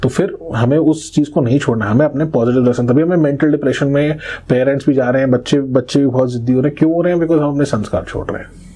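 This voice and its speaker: A man's voice: mid-range voice, quick pace, mellow, breathy edge. A man, an astrologer guest on a podcast, explaining in a didactic way with examples and frequent checks that the listener follows.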